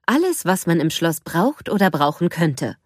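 A woman's voice: on the low side, very animated, normal speed, no echo, clean studio sound. Woman doing a patient castle cook. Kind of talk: storybook reading.

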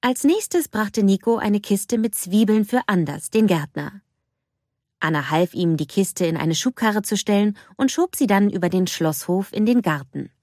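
A woman narrating a children's storybook in a gentle, measured way. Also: medium pitch, lively intonation, dry recording, studio quality. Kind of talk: storybook reading.

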